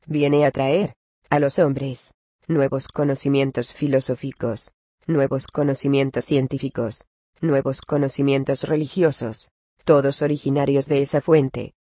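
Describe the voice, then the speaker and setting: Flat, mellow-voiced man reading scripture. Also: mid-range voice, no echo. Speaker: reader of a religious text. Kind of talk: read-aloud religious commentary.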